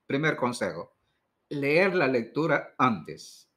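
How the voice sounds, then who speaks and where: A man giving an instructional talk on reading aloud in church, deliberate and direct, slowing down to stress key words. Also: mid-range voice, big pitch swings, bright, forceful tone. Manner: direct, addresses listener with advice. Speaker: liturgy instructor.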